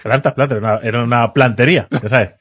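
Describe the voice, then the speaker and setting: A man tells a story in relaxed podcast chat. His voice sits at an ordinary middle pitch, and he puts on the voices of the people in his story with a playful, teasing edge. Faint music runs underneath. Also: fast talker, slightly rough. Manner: animated, acts out quoted people, teasing.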